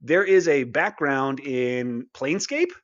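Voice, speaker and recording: A man's voice: mid-range voice, lively intonation, slow pace, muffled recording. A man casually explaining tabletop game rules in a chatty way, with frequent fillers and tag questions. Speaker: tabletop game content host.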